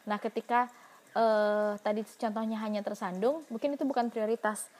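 A woman's voice: a little high, steady tone, moderate pace, a little mellow. A woman giving a university lecture in an explanatory way, asking herself questions and answering them, with frequent fillers.

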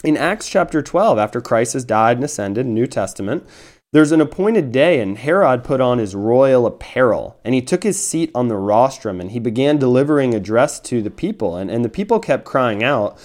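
Guy doing a bible study talk, earnest, reads the verses then explains, mid pitch. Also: very animated, moderate pace, a little mellow. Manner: earnest, emphatic preaching with scripture read aloud. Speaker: Bible teacher.

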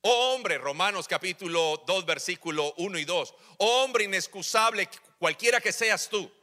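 A man's voice: sits high, expressive, normal speed, bright, forceful tone. A man in his forties preaching a sermon in a church, acting out little family dialogues with humor. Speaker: pastor. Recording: church hall reverb.

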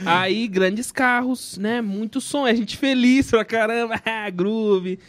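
A man's voice: sits high, takes it slowly. A man telling a funny story in a casual podcast chat, laughing often and acting out what others said. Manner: animated, laughing often, acts out quoted voices. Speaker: podcast guest.

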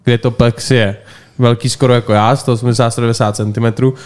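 A man's voice: medium pitch, little pitch movement, clean tone. A man hosting a podcast, asking questions in a joking, conversational way. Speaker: podcast host. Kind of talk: casual podcast chat.

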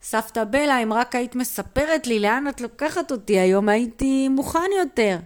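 A woman's voice: fairly high pitch, animated, natural voice. A woman voicing an eager young boy in a bedtime story, proud of his special gadget.

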